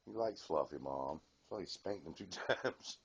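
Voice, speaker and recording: A man's voice: low voice, expressive, unhurried, vocal fry, slightly rough. A man filming his pets at home, chatting casually and cooing to them in baby-talk. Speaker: pet owner filming at home. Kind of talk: casual home video commentary. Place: home room.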